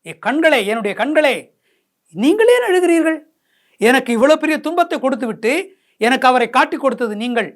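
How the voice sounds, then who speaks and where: A woman's voice: sits high, animated, a little fast. A woman voicing a grieving young wife who reproaches her own eyes in a lamenting, repetitive way. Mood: reproachful. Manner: reproachful, lamenting, repeating herself. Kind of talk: dramatized poetry explanation.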